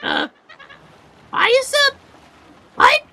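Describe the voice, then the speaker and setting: A man doing a squeaky young creature girl. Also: wildly swooping pitch, extremely slow, sharp tone, full character voice. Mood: chatty.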